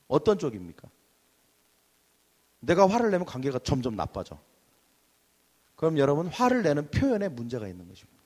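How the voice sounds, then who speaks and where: A man's voice: fairly high pitch, darkish tone. A male pastor preaching a Sunday sermon, asking the congregation questions and acting out angry outbursts. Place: church sanctuary. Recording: church hall with long reverb.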